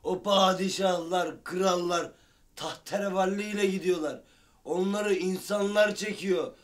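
A man's voice: sits high, fairly even intonation, measured pace. A man in a sitcom playing a naive friend who tells odd tales in earnest. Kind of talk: sitcom comedy acting.

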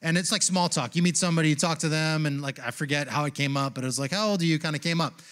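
A man's voice: fairly high pitch, fast. Man preaching on a church stage. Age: 40s. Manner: conversational storytelling, turns hushed and reflective. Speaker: pastor. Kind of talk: sermon. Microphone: handheld mic.

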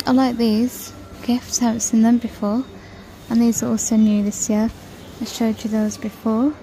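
Chatting casually as she browses a big store aisle, a British shopping vlogger reads prices aloud in her warm voice, which sits on the high side. The audio from her handheld phone camera is poor, with a little hiss or hum.

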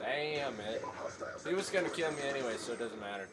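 A man chatting and trash-talking excitedly while playing a shooter game with a friend, yelling at every kill and death. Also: mid-range voice, a little fast. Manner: excitable, yells and trash-talks during play. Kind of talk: casual gaming chatter. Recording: noisy game sound behind the voice.

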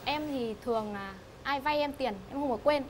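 A woman's voice: high-pitched, normal speed, heavy background noise. A young woman answering politely and a little hesitantly as a game show contestant.

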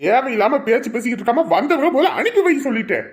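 A woman's voice: a little high, big pitch swings, fast talker. A woman playing a stingy nagging husband. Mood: scolding. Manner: scolding, nagging. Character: stingy grumbling husband, middle-aged. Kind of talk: family drama acting.

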